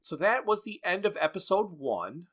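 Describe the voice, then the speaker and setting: His voice sits high, fairly bright and slightly rough, swinging widely in pitch at a normal speed. As a podcast co-host, he analytically recaps a radio series at great length, laughing often in the relaxed chat.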